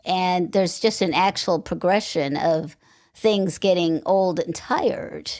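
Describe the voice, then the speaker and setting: A woman's voice: fairly low pitch, a little mellow. A woman hosting a podcast interview, talking in a chatty, conversational way with asides. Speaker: podcast host. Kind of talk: casual interview chat.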